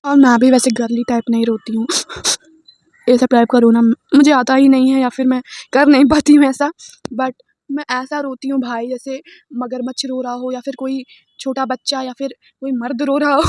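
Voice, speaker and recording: A woman's voice: high-pitched, darkish tone, no echo. A young woman telling a storytime vlog in a casual, chatty way, laughing often and mixing in English words. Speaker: vlogger.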